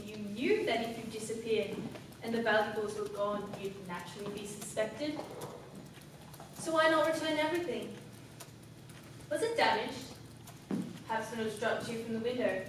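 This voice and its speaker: A young adult student actress performs a stage monologue for her class, playing a coldly self-possessed, cunning woman in a highish voice that stays close to everyday speech. Her delivery is formal, deliberate and dramatic. The clip is captured from a distance in a very echoey room with clear background noise.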